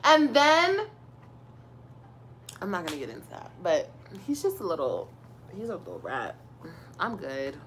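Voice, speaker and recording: A woman's voice: fairly low pitch, huge pitch swings, unhurried, long pauses, slight background noise. A young woman venting a profane, sarcastic story to her live stream viewers.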